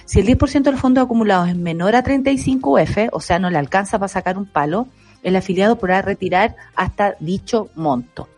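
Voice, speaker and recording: A woman's voice: mid-range voice, fast, hardly any pauses, a little mellow, soft background music. A Chilean woman co-hosting a casual talk show, slangy and jokey, reading points aloud. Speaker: co-host. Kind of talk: casual chat.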